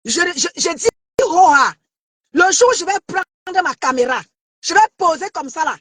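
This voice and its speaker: A woman from Cameroon ranting to her online followers, confrontational, shouting and taunting, stammering and repeating herself. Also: very high-pitched, expressive, normal speed. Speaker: social media commentator. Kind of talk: heated live rant.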